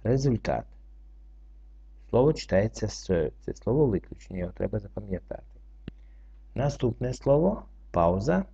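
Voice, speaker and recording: A man teaching French reading, going through it slowly word by word and spelling out letters and rules. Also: fairly low pitch, very animated, vocal fry, mellow, breathy edge. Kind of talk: slow word-by-word reading lesson. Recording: dull lo-fi recording.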